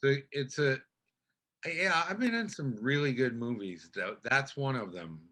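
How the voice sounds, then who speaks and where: An older man talks as a guest on a casual podcast, his voice bright and forceful. He rambles and stumbles through his stories, restarting sentences and circling back on himself. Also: medium pitch, animated. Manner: rambling, halting storyteller with many restarts. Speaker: guest actor.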